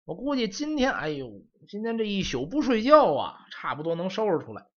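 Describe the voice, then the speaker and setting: A man's voice: high-pitched, very animated, fairly quick, fairly bright tone, voice pushed up, heavily acted. A man doing a sheepish young apprentice mage. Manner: plaintive, sighing excuses. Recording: dull lo-fi audio.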